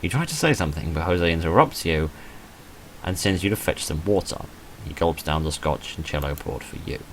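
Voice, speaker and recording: In a very low voice, a man narrates a visual novel as he plays, a little fast and animated, with wide pitch movement and dry jokes at his own expense. The rough recording has faint background noise.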